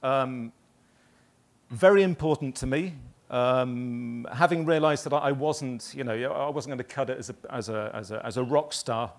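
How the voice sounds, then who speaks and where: A man in his fifties from northern England, a graphic designer telling rambling stories with many pauses to a live audience. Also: medium pitch. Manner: rambling anecdotal storytelling with many ums. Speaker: graphic designer giving a talk.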